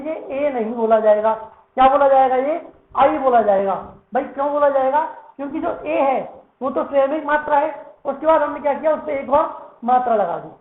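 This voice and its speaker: A male Sanskrit teacher giving a lesson, who keeps asking questions and answering them himself, and repeats words to drill their pronunciation. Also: very high-pitched. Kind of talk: classroom lesson. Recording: echoey room, tinny phone-like sound.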